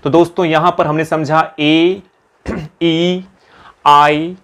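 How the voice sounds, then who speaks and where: A man's voice: on the high side, little pitch movement, takes it slowly, a bit bright. A male teacher giving an exam-prep lecture, who keeps asking questions and then answering them himself, and calls his viewers friends.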